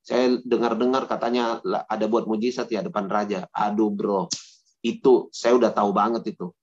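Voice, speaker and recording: A man's voice: fairly low pitch, fairly even intonation, moderate pace, a little mellow, husky, voice pushed down. A man voicing a smug, persuasive old male prophet who talks in a chummy, casual way, calling his listener bro. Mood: chummy coaxing. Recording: dull lo-fi sound.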